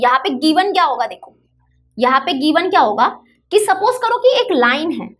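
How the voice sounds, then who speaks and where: A young woman walks students through a maths theorem. Her voice is high and swoops lively up and down. She coaxes and repeats each point in a chatty way. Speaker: maths teacher. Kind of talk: online maths lesson explaining a theorem.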